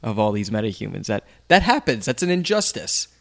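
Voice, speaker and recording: A man co-hosting a podcast in casual chat, chiming in with quick jokes and asides. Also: on the low side, very animated, gravelly. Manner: quick interjections, joking asides. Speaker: podcast co-host.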